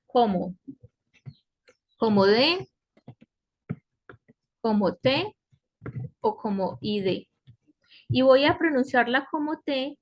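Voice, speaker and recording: A woman teaching an online English class, explaining slowly and patiently and often checking in with her students. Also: medium pitch. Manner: slow, patient explaining with frequent checks like "¿cierto?". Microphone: computer mic on a web conference.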